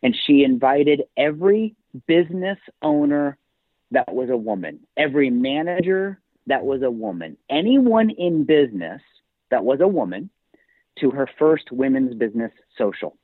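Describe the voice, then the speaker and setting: A man's voice: mid-range voice, big pitch swings, normal speed, slightly rough, dry recording. Male author guest, emphatic storyteller, tinny phone-line sound, dry. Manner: storytelling, emphatic, motivational speaker. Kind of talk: podcast interview.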